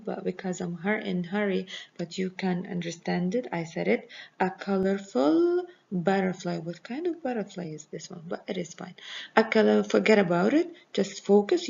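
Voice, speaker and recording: Woman teacher, gravelly voice, slow patient explainer, lo-fi lesson recording. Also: medium pitch, darkish tone. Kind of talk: recorded grammar review lesson. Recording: dull lo-fi recording.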